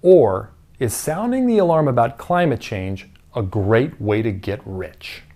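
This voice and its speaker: Lively, mellow-voiced male commentary narrator. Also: medium pitch, unhurried. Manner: sarcastic, uses rhetorical questions. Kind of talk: scripted opinion narration.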